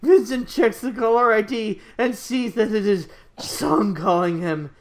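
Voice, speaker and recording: An amateur reader narrating a fan-fiction story, reading haltingly and with slips. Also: mid-range voice.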